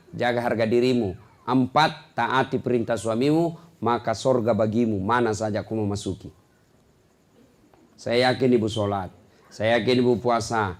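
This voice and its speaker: A middle-aged man preaching a humorous sermon, firing rhetorical questions at the congregation and building to shouted climaxes. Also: mid-range voice. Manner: jokey, addresses the audience directly with rhetorical questions. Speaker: Islamic preacher.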